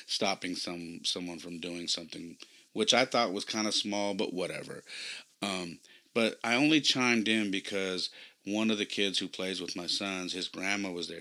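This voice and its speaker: Middle-aged male podcast host, lowish pitch, bright tone, casual rambling storyteller turning emphatic. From California. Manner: conversational, rambling with fillers, grows emphatic when lecturing. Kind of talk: personal storytelling monologue.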